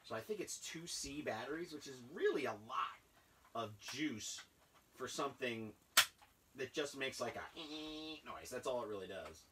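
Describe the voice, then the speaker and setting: A man in his thirties chatting casually and rambling with excitement as he unboxes old toys in a cluttered basement room. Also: mid-range voice, a little slow, far from the mic, very noisy. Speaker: toy collector vlogger. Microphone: camera a few feet away.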